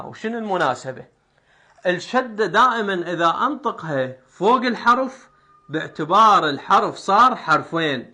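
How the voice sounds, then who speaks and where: A young man with an Iraqi Arabic accent teaches the meter of folk poetry, reciting verse lines slowly, syllable by syllable. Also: high-pitched, bright, forceful tone. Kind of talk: spoken lesson on poetic meter.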